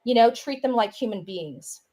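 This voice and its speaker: Here a woman with a fairly high, warm, expressive voice talks at normal speed. Her monologue is casual and full of opinions, and she wanders, circles back over the same points, and says "you know" and "right" a lot.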